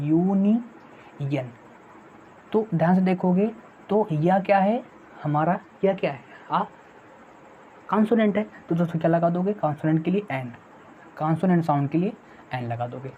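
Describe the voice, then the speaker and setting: Teaching English grammar online to exam candidates, a woman speaks in a mellow, low voice, repeating her main points and often asking her audience rhetorical questions. Faint noise runs under the dull, lo-fi recording.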